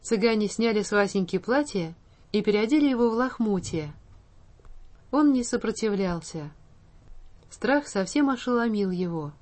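A woman reads a children's storybook aloud as narrator. Her delivery is slow and measured, with a mid-range pitch and a calm, steady pace. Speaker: audiobook narrator.

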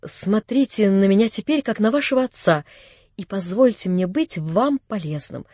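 Oily, scheming nobleman in a storybook, smooth and flattering, read by a man with a high voice. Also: normal speed, no room sound. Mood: ingratiating. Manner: smooth, ingratiating, then sneering. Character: scheming middle-aged nobleman, oily and mocking.

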